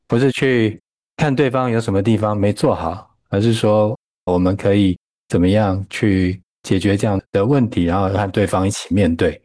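Low-voiced man telling a story. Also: fairly even intonation, normal speed, darkish tone, no echo, clean studio sound. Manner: storytelling, with hesitant fillers. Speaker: church small group leader, guest. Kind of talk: telling a story on a radio talk show.

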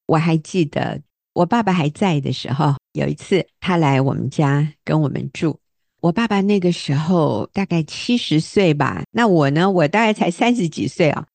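A woman with a lowish voice gives counsel on a faith talk show. She tells her stories with lively energy and acts out the lines she quotes. The sound is dry and close. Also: normal speed, creaky, dry recording. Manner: animated, acts out quoted dialogue with laughs.

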